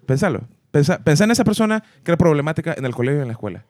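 A man's voice: on the high side, big pitch swings, racing, darkish tone. A man with a Central American Spanish accent co-hosting a casual podcast, speaking emphatically and addressing the listeners directly. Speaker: podcast co-host. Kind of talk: casual chat.

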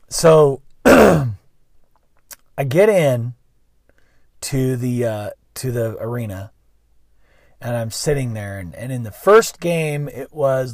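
Man, casual vlog storytelling, rambling and self-correcting, mid-pitched voice, dry close sound. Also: a little mellow, dry recording. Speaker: school bus driver and vlogger.

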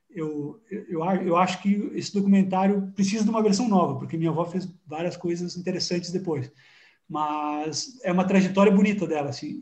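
A Brazilian man in a casual interview, rambling and repeating words as he tells animated stories. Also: high-pitched, roomy sound, dull audio. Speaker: guest filmmaker.

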